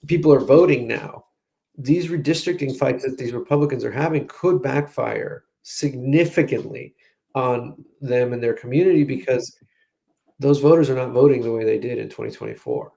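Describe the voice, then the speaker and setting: A man speaks at normal speed in a mellow, mid-range voice with vocal fry, giving political analysis as a strategist guest on an interview. He's conversational and keeps restarting his sentences, dropping "you know" along the way.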